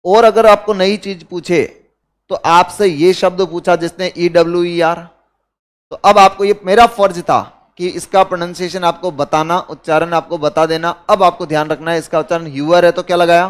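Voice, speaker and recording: High-voiced Indian man teaching a class. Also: fairly even intonation, normal speed, clear, resonant tone. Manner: explains with rhetorical questions to the class. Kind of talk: classroom lecture.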